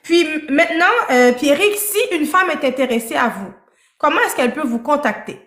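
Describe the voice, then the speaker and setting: High bright woman questioning persistently. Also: moderate pace, roomy sound. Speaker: live-stream dating show host. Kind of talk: live-stream interview.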